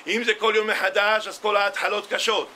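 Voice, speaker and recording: A man preaches to his congregation in a rabbi's sermon, his voice pitched fairly high and ringing very bright. He tells stories and plays out the voices in them. A faint hiss runs under the recording. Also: flat delivery. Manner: storytelling, acts out dialogue in a quoted exchange. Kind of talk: Tisha B'Av sermon.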